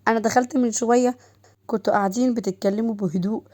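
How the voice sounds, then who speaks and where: A woman's voice: fairly high pitch, steady tone, rapid-fire, darkish tone, lightly acted. Woman voicing a brash joking Egyptian brother. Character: joking brother, loud and playful.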